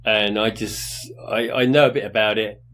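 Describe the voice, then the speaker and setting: A man's voice: lowish voice, steady tone, moderate pace, fairly bright tone. A man, co-hosting a podcast, with joking asides and short replies in casual chat. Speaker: podcast co-host.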